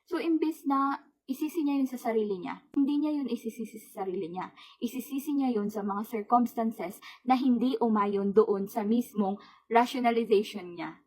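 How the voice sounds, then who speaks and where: A woman's voice: a little high, moderate pace, darkish tone, slightly rough, rough recording. A young woman social worker giving a board exam review lesson, mixing Tagalog and English and often checking in with "okay?".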